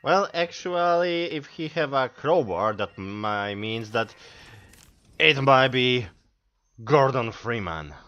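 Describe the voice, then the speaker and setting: Slow, halting man commenting on a game. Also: medium pitch, animated, bright, forceful tone, muffled recording. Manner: halting, hesitant, broken English. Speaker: let's play commentator. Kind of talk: casual gameplay commentary.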